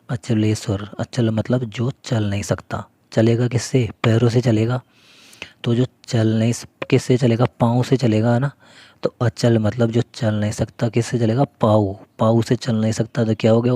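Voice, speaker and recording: A man's voice: lowish voice, warm tone, no room sound. A man teaching memory tricks for an exam, who keeps asking questions and answering them himself while calling viewers his friends. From Rajasthan, India. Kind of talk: mnemonic lesson explaining.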